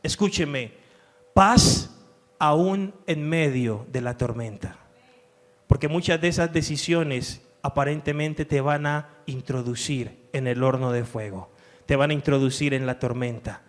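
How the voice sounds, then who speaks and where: A man's voice: mid-range voice, a little slow. A man preaching a sermon as pastor, emphatic, acting out the inner voices he describes. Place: church.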